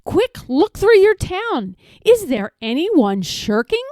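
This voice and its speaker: Loyal storybook elephant acted by a woman: earnest, urgent, raised pitch with very lively swings. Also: slow pace, no room sound, clean studio sound, heavily acted. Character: big loyal gentle male elephant, earnest and pleading. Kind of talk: children's storybook read-aloud.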